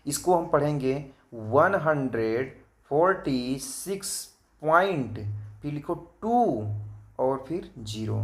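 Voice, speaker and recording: A man's voice: a little high, darkish tone. A man teaching children a math lesson, patient, repeating his points, asking if they follow, and reading digits out one by one. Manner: reads digits slowly one by one.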